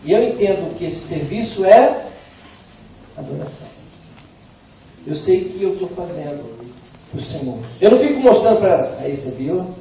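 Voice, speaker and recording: A middle-aged man from Brazil with a high voice, preaching in a church hall with humor and a chatty, storytelling manner. He sounds far from the mic in a very echoey hall, with faint noise behind him. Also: sing-song, normal speed, pauses often, dark tone. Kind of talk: sermon.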